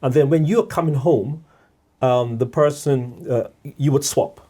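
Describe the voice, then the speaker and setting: A warm, mid-range voice belongs to this middle-aged Guyanese podcast guest. He reflects in a measured way, repeats his words, and often checks in with "all right?".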